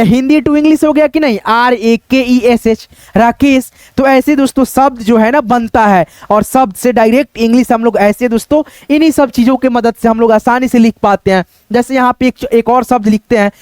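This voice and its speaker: A man with a very high, smooth and clear voice teaches a casual video lesson. He works through examples step by step and keeps turning to his viewers with questions and little prompts. The recording is close and dry, with no room sound. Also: darkish tone, dry recording. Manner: repeats "dosto" and "dekho", asks the viewers questions.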